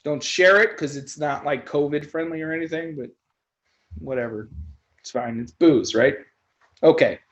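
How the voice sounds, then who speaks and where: Relaxed joking bartender man. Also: a little high, normal speed, long pauses, dull audio. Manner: loose, joking, swears casually. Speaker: bartender teaching a cocktail class. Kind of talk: casual livestream cocktail class.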